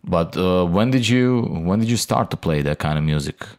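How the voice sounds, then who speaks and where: Deep gravelly man hosting an interview. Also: expressive, a little mellow. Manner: curious, halting questions. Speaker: podcast host. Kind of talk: casual interview.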